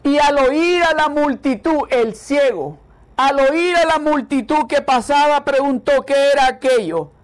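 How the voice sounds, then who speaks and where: A man's voice: extremely high pitch, measured pace. A man preaching a sermon with fervent repetition, calling on listeners to repeat after him.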